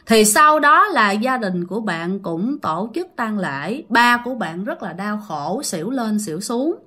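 With a Southern Vietnamese accent, a woman tells a ghost story in a chatty style, frequently speaking straight to her listeners. Her mid-range voice is bright and forceful, very animated, yet her pace stays measured.

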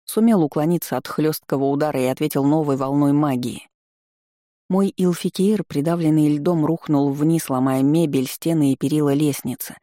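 A narrator gives a steady, expressive audiobook reading. The voice sounds mellow and warm. The recording is close and dry. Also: medium pitch, moderate pace, dry recording. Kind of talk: audiobook reading of fantasy fiction.

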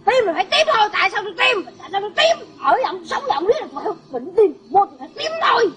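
A woman in a live comedy sketch playing a loud, bickering wife hooked on TV dramas, who scolds and exclaims. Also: very high-pitched, very animated, racing, some chatter behind, full character voice. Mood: defiant.

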